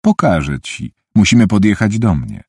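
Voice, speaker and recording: A man reading an audiobook, voicing a calm, helpful teenage boy who speaks matter-of-factly. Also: lowish voice, normal speed, vocal fry, husky, no room sound, clean studio sound, heavily acted.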